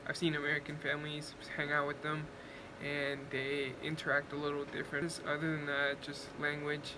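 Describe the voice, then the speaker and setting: Brief: man in his twenties from Mexico, fairly high and flat, plain brief answers, clear room noise. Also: moderate pace. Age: 20s. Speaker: interviewee. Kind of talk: casual interview answers. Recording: noisy, air conditioning hum.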